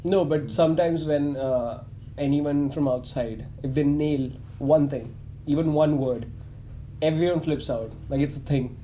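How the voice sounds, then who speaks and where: Slow-talking man, podcast host. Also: fairly high pitch, a little hiss or hum, low-quality recording. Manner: joking, relaxed, with many fillers. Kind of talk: casual chat.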